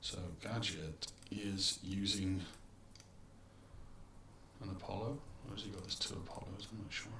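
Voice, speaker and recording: A man's voice: deep voice, steady tone, unhurried, long pauses, pushed and bright, distant mic. A man streaming a game live, chatty and thinking aloud, heard through a webcam mic that makes him sound as if he is in an echoing tunnel. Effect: echoing, tunnel-like sound from a built-in webcam mic. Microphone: built-in webcam microphone. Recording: echoey, tunnel-like room sound with faint ambient noise.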